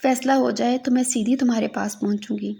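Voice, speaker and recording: A distraught young daughter pours out her fervent vow, saying it again and again, as a woman reads her part in a story. Her voice is gravelly and husky, pitched a little high. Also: steady tone, mellow. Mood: pleading. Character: distraught young woman vowing to stay at a shrine.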